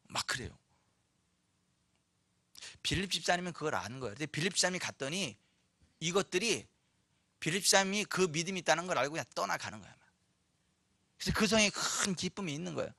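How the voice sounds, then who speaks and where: High, bright-voiced Korean pastor preaching. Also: male voice, no room sound. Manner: conversational preaching that surges into loud proclamations. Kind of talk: sermon. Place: church sanctuary.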